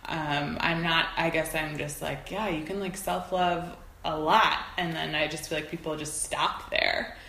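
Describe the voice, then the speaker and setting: Earnest and informal, a female folk practitioner reflects aloud as a guest in a casual interview. Her low, gravelly voice is steady, unhurried and sharp-toned, in a roomy echo with faint background noise.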